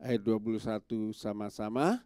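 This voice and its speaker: A male pastor preaches a sermon to his congregation in church, slipping many small filler yeses between phrases. His voice is low, dark and clean in tone, at normal speed, though stuffy and nasal from a cold.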